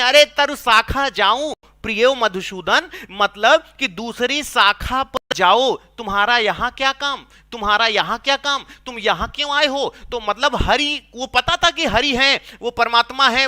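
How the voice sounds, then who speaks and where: Bright high-voiced teacher, lively. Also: male voice. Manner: chatty, scolding asides, acts out quoted lines; keeps asking the class for agreement. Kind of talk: exam-prep Hindi lesson.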